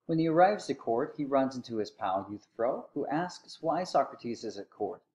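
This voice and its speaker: A man giving a recorded philosophy lecture, telling the story in a lively way and acting out quotes with sarcasm. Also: mid-range voice, moderate pace, muffled recording.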